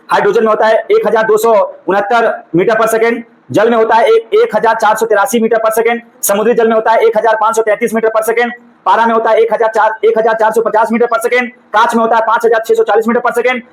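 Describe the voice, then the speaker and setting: A male teacher running a classroom drill, briskly prompting students and urging them to answer louder. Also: high-pitched, little pitch movement, low-quality recording. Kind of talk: classroom drill, call-and-response.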